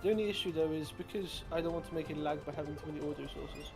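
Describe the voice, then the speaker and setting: A man's voice: fairly high pitch, fast, gravelly, music in the background. A young man co-hosting a casual game-development chat on a call, rambling and self-deprecating with many restarts. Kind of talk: casual chat over gameplay.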